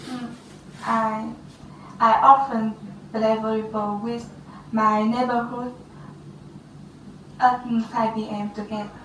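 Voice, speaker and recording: A teenage girl with a Vietnamese accent taking an English speaking test, halting and hesitant with restarts. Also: on the high side, level tone, fairly bright tone, slight background noise. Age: teens. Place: small classroom office, indoors. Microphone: far camera. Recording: roomy, distant camera sound.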